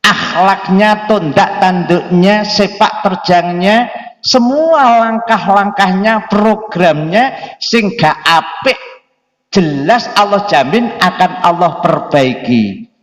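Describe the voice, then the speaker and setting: A man's voice: sits high, slow pace, a bit bright. A man preaching a sermon, often asking the audience whether they understand. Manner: mixes in local phrases, asks the audience if they understand. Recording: echoey hall from a distance.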